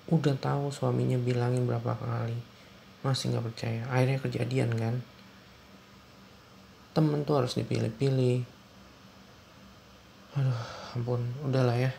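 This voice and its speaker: Guy doing a bossy young husband in an asmr roleplay, super gravelly, flat delivery, keeps lecturing. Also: medium pitch, measured pace, pauses often, slight background noise. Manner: lecturing, repetitive, scolding. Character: stern, controlling young husband scolding his wife. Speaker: ASMR role-play creator. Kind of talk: ASMR boyfriend role-play.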